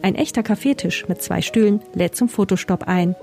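A woman reporter reading a scripted radio feature in a measured, informative way. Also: mid-range voice, creaky, mellow, faint music behind.

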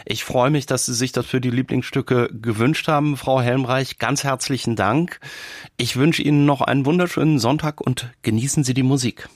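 A male radio presenter speaks in a lively, chatty way from a studio. The sound is close and dry, with no room echo. His pitch sits in a middle range for a man. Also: normal speed. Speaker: radio host. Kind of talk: radio presenting and caller chat. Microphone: studio microphone.

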